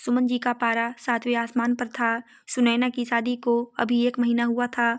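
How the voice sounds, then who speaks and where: A woman storyteller reading a scripted moral story with steady narration. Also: a little high, moderate pace.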